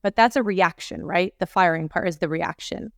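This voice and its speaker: A woman's voice: on the low side, normal speed, creaky, no room sound, studio quality. A woman leadership coach in her thirties, telling candid, reflective stories in a podcast interview.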